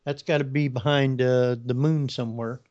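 A man hosting a casual radio talk show, with a hesitant, halting delivery. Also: mid-range voice, fairly even intonation, a little mellow. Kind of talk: casual live radio interview. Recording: dull lo-fi radio feed.

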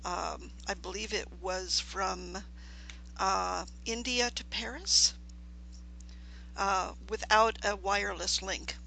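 Female talk radio host; casual live delivery, bright tone, slight hum behind. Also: medium pitch, steady tone, slow pace, creaky, poor audio. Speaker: paranormal talk show host.

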